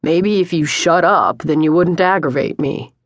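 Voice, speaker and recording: A woman voicing a dismissive, irritable middle-aged husband, gruff and curt, in an audiobook. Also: sits low, normal speed, no room sound, clean studio sound. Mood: contemptuous.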